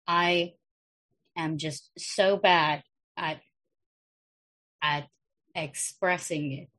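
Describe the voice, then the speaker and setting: A woman's voice: deep voice, steady tone, drawn-out words, fairly bright tone, low-quality recording. A woman playing a tabletop game, speaking in character in a flustered, rambling way. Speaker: player. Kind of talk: in-character role-play.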